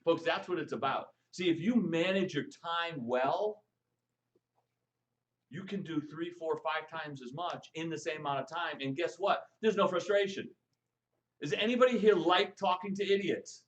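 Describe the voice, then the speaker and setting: A man coaching a live audience on texting for network marketing, lively and jokey, firing questions at the room. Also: on the high side, normal speed, poor audio. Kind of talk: live stream training talk to an audience.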